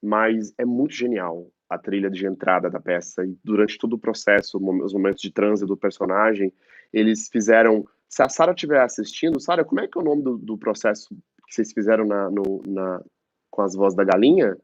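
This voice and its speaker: A Brazilian man, an actor, chatting casually on a live stream through his phone, halting and restarting as he talks. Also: on the low side, no echo. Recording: dull lo-fi phone audio.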